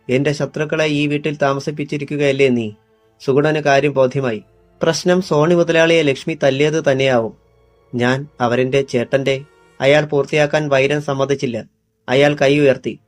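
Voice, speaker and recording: A man's voice: fairly high pitch, no room sound. A man reading a crime thriller audiobook, voicing all the characters' lines in his own voice. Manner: reads every character's lines in his own voice, lightly varied. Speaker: audiobook narrator. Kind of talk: scripted audiobook narration with character dialogue.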